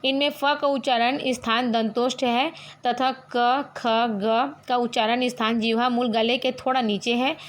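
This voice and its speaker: High-voiced woman teaching a grammar lesson. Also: steady tone. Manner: explains step by step, asks and answers her own questions; spells out sounds slowly, one at a time.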